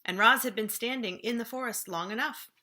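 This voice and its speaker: Her voice sits on the high side as she reads a children's storybook aloud in a librarian's expressive style. Dramatic pauses and slow, hushed phrasing heighten the suspense.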